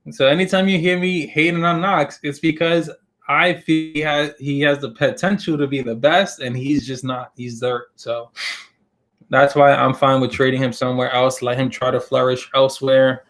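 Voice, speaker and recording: A man's voice: medium pitch, little pitch movement, moderate pace, fairly bright tone. Opinionated man co-hosting a sports stream. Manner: opinionated, emphatic, casual slang. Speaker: co-host of a live sports show. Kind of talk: casual sports chat.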